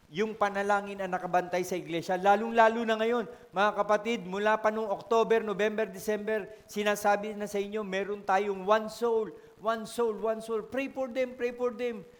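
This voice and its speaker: A male pastor with a Filipino accent preaching a sermon in a storytelling way, often calling out to the congregation. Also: high voice. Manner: storytelling, code-switching, asks the congregation for responses. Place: church hall. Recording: long church-hall reverb.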